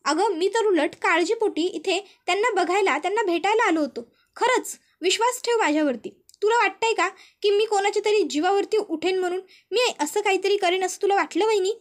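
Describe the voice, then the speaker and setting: A woman putting on a sly middle-aged villain, sweet-talking and falsely innocent, high voice, soap drama retelling. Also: brisk. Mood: wheedling innocent. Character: scheming middle-aged man, a smooth-talking lying villain.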